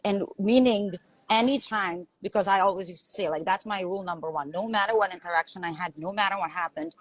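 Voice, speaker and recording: This Lithuanian-accented woman, a coach in a podcast conversation, presses her points earnestly, repeating them and regularly checking "right?" Her voice is mid-range and brisk, in a low-quality recording.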